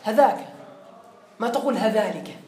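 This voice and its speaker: A man teaching an Arabic grammar lesson in a classroom, explaining slowly, repeating points and quizzing his students. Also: sits high, animated, darkish tone, reverberant.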